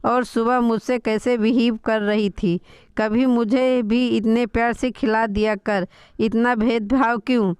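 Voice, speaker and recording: A woman's voice: fairly high pitch, steady tone, a little slow, a little mellow, clean tone, no room sound, natural voice. A woman voicing a young man who pokes fun at his sister with playful jabs. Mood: mocking. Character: young man, teasing cousin-brother.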